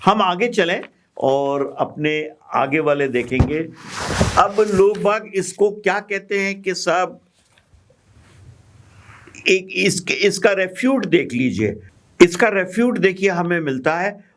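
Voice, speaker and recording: A man teaching a group Bible study, explaining passages slowly and patiently, with pauses and fillers. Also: high-pitched, slight background noise.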